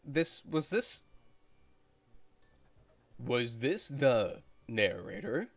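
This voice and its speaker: A woman's voice: extremely low pitch, very animated, very slow, a bit bright, no echo. A woman streaming a game, chatting casually and reading narration aloud, often hesitant and searching for words.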